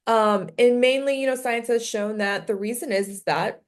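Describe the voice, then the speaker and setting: Informative woman co-host, measured. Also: fairly high pitch. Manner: measured and informative, with filler ums. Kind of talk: casual chat.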